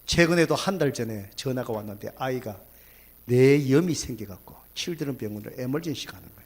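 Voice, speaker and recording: A male pastor, preaching a sermon, swinging between loud exclamations and hushed whispers. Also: medium pitch, expressive, brisk.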